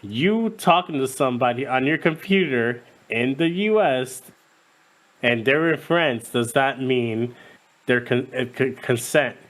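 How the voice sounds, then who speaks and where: Male guest, mid pitch, blunt lecturing tone in casual chat. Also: low-quality recording. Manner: blunt, lecturing, with repeated words.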